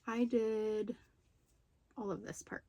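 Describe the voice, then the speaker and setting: A woman's voice: a little high, flat delivery, slow, creaky, warm tone, dull audio, slight background noise. A woman chatting casually in a home video as she shows off her craft projects. She rambles a little and stops to remember details. She sounds slightly out of breath after being ill. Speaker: crochet and knitting vlogger. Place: room at home with poor lighting.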